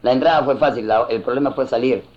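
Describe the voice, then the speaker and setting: A male comedian rattles through his stand-up set in a medium-pitched voice, Peruvian Spanish in his accent and slang all over his jokes, mimicking people mockingly as he goes. The crowd laughs loudly and a band plays, all on a muffled lo-fi live recording.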